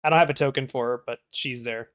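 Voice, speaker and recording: A man running a tabletop game, narrating casually and conversationally as game master, pausing mid-sentence. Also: medium pitch, clear, resonant tone.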